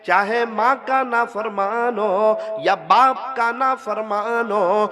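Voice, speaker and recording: A man's voice: high-pitched, drawn-out words, music in the background. A man from Gujarat preaching a sermon at a gathering, telling stories with feeling and repeating lines for effect. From Gujarat, India. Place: large hall with an audience. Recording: reverberant hall with crowd noise. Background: crowd noise.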